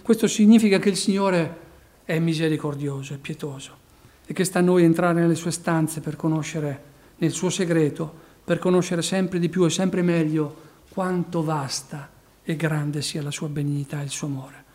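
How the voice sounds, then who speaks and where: A man from Italy preaching a sermon, rising loud on key phrases and then dropping low. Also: fairly even intonation, moderate pace.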